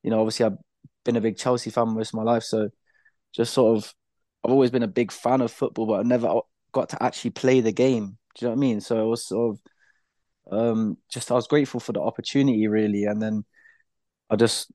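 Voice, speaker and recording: Relaxed young British man, low mellow voice. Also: brisk, no echo. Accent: British English. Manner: relaxed, laughs easily, many fillers. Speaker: podcast guest, blind footballer. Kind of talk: casual interview chat.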